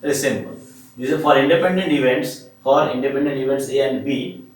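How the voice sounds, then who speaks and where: A man's voice: mid-range voice, a little fast. A man with an Indian accent teaching a maths lesson step by step, repeating himself and posing questions that he answers himself. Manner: repetitive, poses questions and answers them himself. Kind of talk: classroom lesson, explaining step by step. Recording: echoey room, distant mic, faint noise.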